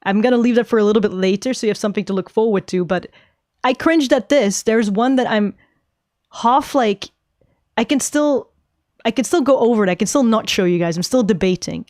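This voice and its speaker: A woman's voice: fairly high pitch, brisk, darkish tone, no echo, clean studio sound. A young adult woman streaming casual chat, rambling, giggling often and swearing freely. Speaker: VTuber streamer.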